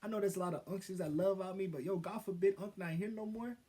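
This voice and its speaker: Man, high voice, slangy, exaggerated emotional reaction commentary. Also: fairly even intonation, quick pace, warm tone, slightly rough. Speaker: reaction streamer.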